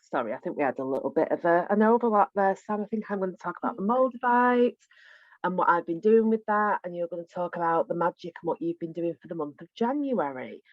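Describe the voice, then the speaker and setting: A woman's voice: lowish voice, lively intonation, quick pace, dry recording. A woman co-hosting a podcast in casual, friendly chat. Her voice sounds tinny and boxed-in because she is recording from inside a wardrobe without a proper microphone. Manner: chatty, friendly, thinks aloud. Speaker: podcast co-host. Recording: tinny, dull, dry home recording.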